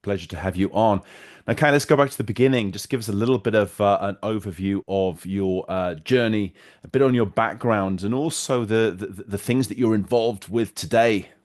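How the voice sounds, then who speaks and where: A man's voice: on the low side, normal speed, a little mellow. A man hosting an interview podcast, asking long, rambling questions that stall on repeated words. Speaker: podcast host.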